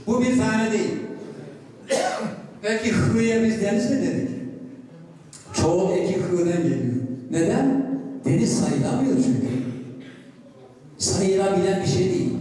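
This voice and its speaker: A man's voice: high-pitched, mellow. An older man, a native Circassian speaker, giving an emphatic public talk at a cultural event and sounding out words. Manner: emphatic, repeats key phrases and sounds out words. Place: association hall. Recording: echoey hall, far from the mic.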